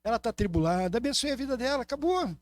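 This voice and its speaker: A man with a Brazilian Portuguese accent preaching a sermon as pastor, impassioned, moving between loud emphasis and soft asides. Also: very high-pitched, animated, fast talker, dry recording.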